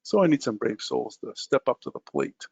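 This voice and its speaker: A man's voice: medium pitch, wildly swooping pitch, moderate pace, vocal fry, darkish tone, breathy edge, dry recording, highs cut off. A man presenting a live trading webinar, talking to his listeners in a loose conversational way with frequent "uh" and "um" fillers. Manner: conversational, many "uh" and "um" fillers, addresses listeners directly.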